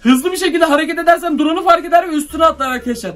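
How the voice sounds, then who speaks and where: A young male YouTuber with a very high-pitched, slightly bright voice races through an excited horror-drone vlog, nervously telling viewers about something strange he sees. Frightened and jittery, he mutters commands at the drone. He sounds distant and off-mic, with light music in the background.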